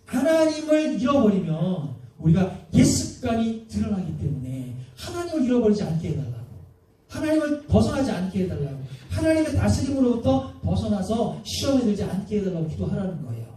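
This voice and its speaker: Male pastor, very high pitched, mellow tone, chatty sermon full of rhetorical questions; echoey church hall, mic at a distance. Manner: conversational preaching, frequent rhetorical questions to the congregation. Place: church sanctuary.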